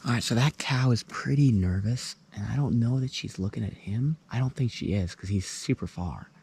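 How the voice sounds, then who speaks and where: A man's voice: mid-range voice, moderate pace, vocal fry, a little mellow. A man giving casual vlog commentary, recorded outdoors in the backcountry. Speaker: outdoor vlogger. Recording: noisy outdoor field recording.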